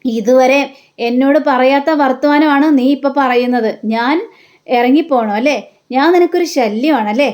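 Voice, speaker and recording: A woman voicing a middle-aged mother who is bitter, self-pitying and quick to scold, in a high voice. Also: a little mellow, close to an everyday voice. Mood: wounded. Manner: reproachful, wounded.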